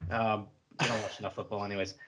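Male co-host, hedging, filler-heavy, relaxed draft talk. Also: on the low side, fast talker. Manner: rambling, hedging, many fillers. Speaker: co-host analyst. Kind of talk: casual sports talk.

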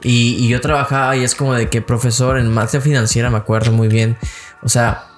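A man's voice: mid-range voice, flat delivery, a little fast. Blunt, profane young Mexican man. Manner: blunt and profane, slangy rants. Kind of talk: casual chat. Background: background music.

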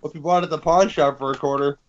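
A man's voice: a little high, fairly even intonation, fast, lo-fi sound, a little hiss or hum. A man making crude wisecracks in a casual chat among friends while watching a movie.

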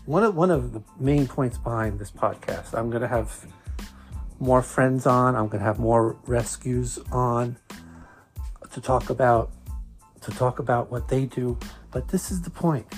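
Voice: medium pitch, a little slow, faint music behind. A podcast host with a Brooklyn accent, talking conversationally and earnestly, repeating phrases for emphasis.

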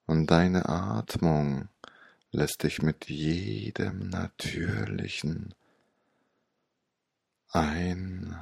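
A man with a low, gravelly, breathy voice guides a meditation story like an old sage, hypnotic and soothing, with long pauses. His tone is darkish, and the studio recording is clean with no echo.

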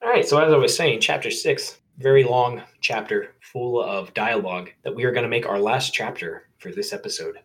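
A man's voice: mid-range voice, moderate pace, few pauses. A young man co-hosting a podcast, reading a fan story aloud with crude jokes and laughter. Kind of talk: casual comedic story reading.

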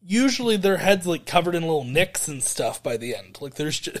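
A man's voice: a little high, sing-song, brisk. A man co-hosting a podcast, recapping a wrestling event in a rambling, hesitant way with frequent laughs. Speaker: podcast co-host.

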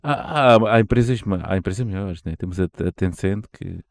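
A man's voice: low voice, moderate pace, dry recording. A man with a European Portuguese accent chatting casually as a podcast co-host, in a rambling, slangy way that often restarts sentences. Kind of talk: casual chat about the games industry.

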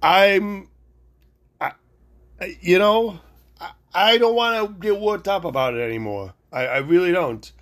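Male podcast host, high and very animated voice, loud, rambling, self-interrupting. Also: measured pace, pauses often. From Italian heritage. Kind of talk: solo podcast rant.

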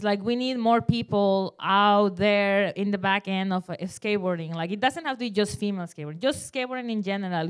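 A woman's voice: mid-range voice, clean tone. A woman, a native Spanish speaker, talking casually as a panel guest and telling anecdotes in non-native, Spanglish-tinged English. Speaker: panel guest, skateboard photographer.

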